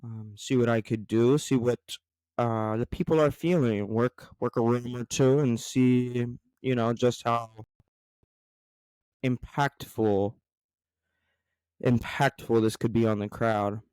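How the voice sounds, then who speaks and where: A man's voice: mid-range voice, steady tone, slow pace, darkish tone, clear, resonant tone, no room sound, rough recording. A man with an American accent talking casually as a solo podcast host, in a rambling, conversational way. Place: garage.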